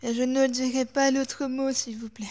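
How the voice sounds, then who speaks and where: A woman's voice: high-pitched, flat delivery, moderate pace, darkish tone. A woman commenting casually while playing a horror game, chatty and rambling. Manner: chatty, rambling, drops to whispers when tense. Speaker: gaming YouTuber. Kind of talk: casual let's-play commentary.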